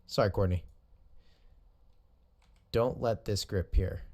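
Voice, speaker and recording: A man's voice: fairly low pitch, slow pace, darkish tone. A man in casual commentary, coaching jiu-jitsu as he breaks down sparring footage, easygoing and rambling, often correcting himself.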